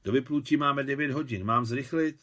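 A man reading an audiobook, voicing a spirited woman driver who talks briskly and with emphasis, raising his voice a little for her. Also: medium pitch, pushed and bright, pitched above the performer's own voice. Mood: lively.

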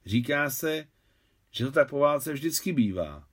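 A man's voice: medium pitch, expressive, natural voice. A man voicing a shy young working-class woman who talks plainly and artlessly in an audiobook. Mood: somber.

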